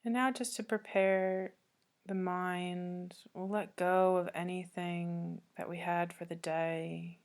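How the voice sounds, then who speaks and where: Her delivery barely moves in pitch: a woman with a low voice, working as a yoga nidra teacher, guides a yoga meditation. Gentle, soothing instructions come with long gaps between them.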